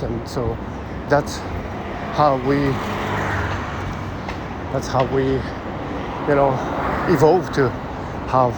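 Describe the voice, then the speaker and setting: Walking along a busy city street with loud traffic in the background, a Japanese-accented man thinks out loud in a halting, filler-heavy way. He's a vlogger with a mid-range voice, delivering a thoughtful, musing monologue.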